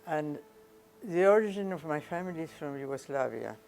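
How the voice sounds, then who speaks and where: An older Argentine woman, a painter, gives reflective interview answers in a low-pitched, gravelly, slightly mellow voice that is still animated. She speaks unhurriedly, often searching for words and repeating phrases.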